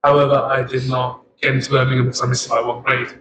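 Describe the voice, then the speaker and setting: A man's voice: medium pitch, completely flat delivery, fast, background noise. A young man from Sri Lanka, a chemistry student co-hosting a podcast, talking casually and rambling with frequent laughs. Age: young adult. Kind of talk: casual chat.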